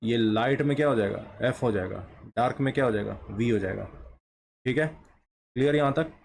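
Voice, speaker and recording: Here a man with a gravelly, medium-pitched, slightly mellow voice explains a shorthand lesson as he draws. He goes slowly, raising questions only to answer them himself, with slight background noise present.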